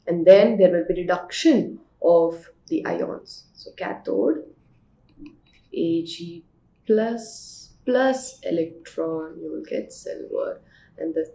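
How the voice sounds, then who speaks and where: Echoey and slightly dull recording, Indian-accented woman, teacher, medium pitch, question-and-answer explanations. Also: creaky, dark tone. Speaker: chemistry teacher. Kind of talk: exam revision lesson, reading questions and explaining answers.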